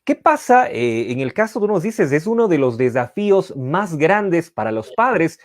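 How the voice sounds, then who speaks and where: A man's voice: fairly high pitch, sing-song, measured pace, no echo, clean studio sound. A man hosting an interview, asking questions and formally summarizing the guest's points. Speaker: interview host.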